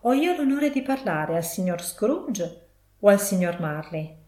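A woman reading as a courteous, formal gentleman. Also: medium pitch, very animated. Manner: courteous, measured. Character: polite, formal middle-aged gentleman collecting for charity. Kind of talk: audiobook reading. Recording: roomy echo.

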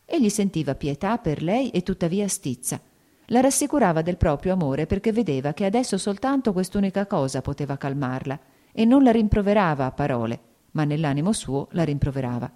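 A woman narrating an audiobook of a classic novel in a measured, even storytelling manner. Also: lowish voice.

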